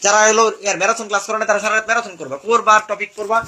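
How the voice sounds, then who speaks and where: A young man runs a live exam review class, rattling through topic after topic. His voice sits high and bright. He hammers each point home by repeating it to his students. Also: fairly even intonation. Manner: rapid, repetitive drilling of topics to students. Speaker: admission exam coach.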